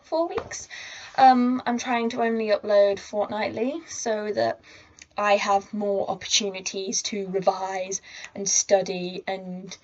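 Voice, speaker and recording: A woman's voice: mid-range voice, flat delivery, slow, a little mellow, dull audio. A teenage girl telling a story to camera in a chatty, rambling way, full of asides. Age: teens. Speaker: vlogger. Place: indoors at home. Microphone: laptop or camera mic.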